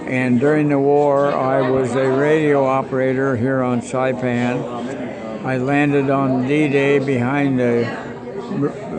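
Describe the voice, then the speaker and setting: Elderly man on a crowd-noisy, low-quality recording. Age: 90s. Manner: plain-spoken, halting storytelling. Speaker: war veteran interviewee. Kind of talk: oral history recollection. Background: crowd chatter.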